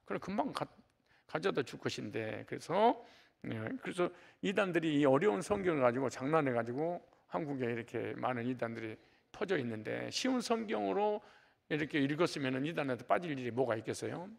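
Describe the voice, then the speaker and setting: A man's voice: mid-range voice, expressive, a little fast, gravelly. A middle-aged male pastor giving a conversational sermon, with joking asides to his congregation.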